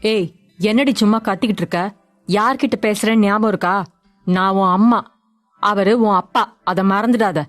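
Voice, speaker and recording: A woman's voice: mid-range voice, moderate pace, pauses often, faint music behind, natural voice. A woman doing a greedy, harsh mother. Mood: contemptuous. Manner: scolding, contemptuous.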